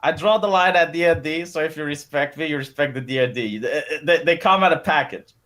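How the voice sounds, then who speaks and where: A man debating on a casual livestream, talking fast with stammered restarts. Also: a little high, a bit bright. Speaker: guest debater.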